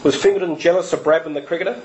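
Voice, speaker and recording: A man's voice: a little high, very fast, darkish tone, a little hiss or hum, low-quality recording. An author reading from his biography at a talk in a lecture room into a podium microphone, then answering questions. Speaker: author and guest speaker.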